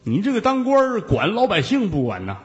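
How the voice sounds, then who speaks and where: A man voicing a shabby, mischievous old monk who shouts high and teases in a bossy way. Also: wildly swooping pitch, fairly quick, long reverb tail, dull audio. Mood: teasing.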